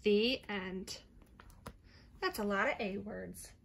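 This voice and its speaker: A woman reading a picture book aloud to a child in a gentle, expressive bedtime storytelling manner. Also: medium pitch, takes it slowly, vocal fry, a little hiss or hum. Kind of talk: soothing bedtime read-aloud.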